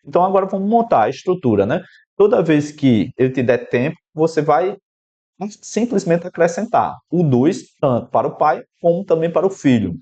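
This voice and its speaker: A man's voice: a little high, big pitch swings, normal speed, dark tone. Man teaching math step by step. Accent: Brazilian Portuguese. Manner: explanatory, working step by step through an equation, addressing the student directly. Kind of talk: exam-prep math lesson. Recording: slightly dull, lo-fi sound.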